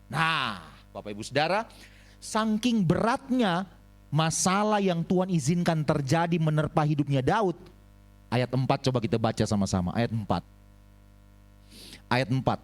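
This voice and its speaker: Lively high-voiced male preacher. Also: a little slow, pauses often, faint music behind. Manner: animated, swings between loud high exclamations and low asides; calls on the congregation for amens. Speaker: pastor. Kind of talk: sermon. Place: church.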